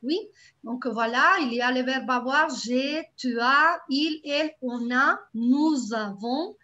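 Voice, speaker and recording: Woman, teaching French online. High, unhurried, lo-fi call audio. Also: sharp tone. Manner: patient, repeats words slowly and checks for understanding. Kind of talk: live online class teaching grammar.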